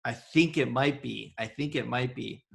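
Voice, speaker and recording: Gravelly laid-back podcast host, man. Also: medium pitch, moderate pace. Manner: laid-back, laughing, slangy. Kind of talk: casual podcast chat.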